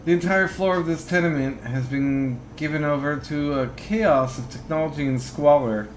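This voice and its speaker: A man's voice: fairly high pitch, normal speed, a little hiss or hum, poor audio. A man giving casual, sweary gameplay commentary and reading the game's text aloud as he plays. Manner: casual, profane. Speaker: video game player narrating playthrough.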